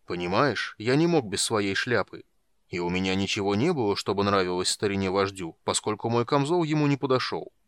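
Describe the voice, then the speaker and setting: Man reading as a sheepish gambling dwarf, rambling excuses, lively lilt, dry close sound. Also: lowish voice, fairly quick, clear, resonant tone, dry recording, natural voice. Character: sly gambling male dwarf, sheepish and chatty.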